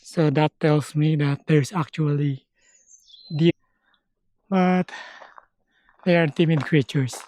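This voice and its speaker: A man from the Philippines vlogging a forest hike, explaining things slowly in short halting phrases, sometimes out of breath. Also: a little high, steady tone, a little mellow, no echo. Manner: slow, halting, explains step by step. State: out of breath at times. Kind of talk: casual hiking vlog. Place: outdoors on a forest trail.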